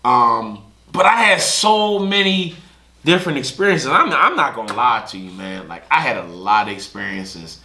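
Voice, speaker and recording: A man's voice: mid-range voice, normal speed. A young man, telling casual stories on a podcast and acting out other people's lines. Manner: animated storyteller who acts out other people's lines. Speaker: podcast host. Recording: echoey room.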